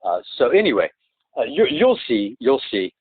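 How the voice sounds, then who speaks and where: A man on a phone call who talks in a halting, rambling way, restarting and repeating words, and presses his complaints insistently, heard through a phone line. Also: medium pitch, wildly swooping pitch, slightly rough, dry recording. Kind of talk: phone conversation. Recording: tinny, dry phone-line recording.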